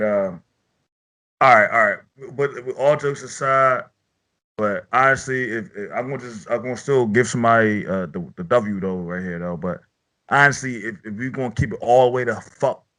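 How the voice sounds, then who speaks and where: A man with a fairly low voice talks loosely into his own podcast mic. He is profane and rambling, and he repeats himself while he reviews battle raps in casual chat. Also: normal speed, a bit bright.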